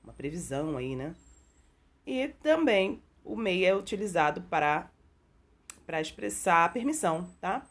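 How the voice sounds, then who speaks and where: A woman English teacher explaining grammar step by step in a patient video lesson, often checking in with the viewer and reading example sentences slowly. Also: lowish voice, big pitch swings.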